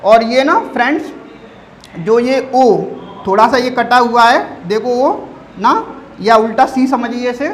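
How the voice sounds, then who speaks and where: A man's voice: very high voice, a little hiss or hum, rough recording. A male teacher giving a phonetics lesson. He calls his listeners friends, stretches out his example words, and asks a question before answering it himself. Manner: drawn-out word examples. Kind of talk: phonetics lesson for exam students.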